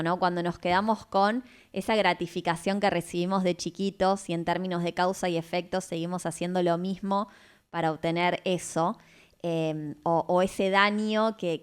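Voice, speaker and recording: Smooth-voiced woman radio host. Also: on the low side. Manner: thoughtful, explanatory, often ends with a questioning tag. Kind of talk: reflective conversation.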